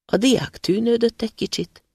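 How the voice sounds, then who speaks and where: Expressive male fairy-tale reader, gravelly. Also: very high voice, no echo, studio quality. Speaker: narrator. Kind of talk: storybook reading.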